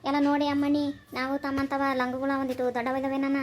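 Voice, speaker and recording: Cartoon woman, voiced by an actor, high, rapid, flat-toned scolding, faint hiss. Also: natural voice. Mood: complaining. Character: scolding village woman customer, sharp-tongued. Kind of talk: cartoon voice acting.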